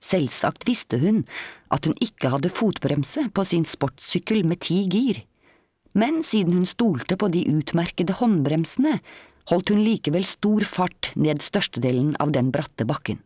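Measured storybook narrator, dry close sound. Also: mid-range voice, expressive, darkish tone, no echo. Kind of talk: audiobook narration.

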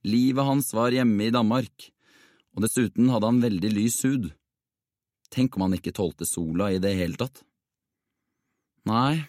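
Low-voiced male audiobook narrator. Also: darkish tone, no echo, clean studio sound.

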